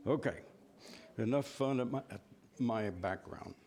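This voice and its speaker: A man's voice: on the low side, unhurried, vocal fry, darkish tone, slight background noise. A man from West Virginia teaching a church Bible class in a folksy, self-deprecating way, asking the class questions.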